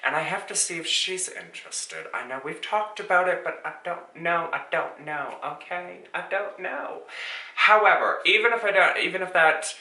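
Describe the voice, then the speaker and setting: A sassy, chatty man in his early thirties talks straight to his viewers. His voice is very bright and a little high, and the room around him rings back. He keeps tagging lines with a quick "okay?". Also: echoey room, rough recording. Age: 30s. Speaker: channel host. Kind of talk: casual talk to camera.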